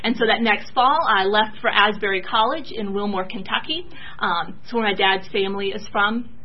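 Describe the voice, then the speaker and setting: A soft-spoken young woman from Georgia, giving a church talk about her mission teaching and pausing often with fillers. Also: mid-range voice, fairly even intonation, highs cut off.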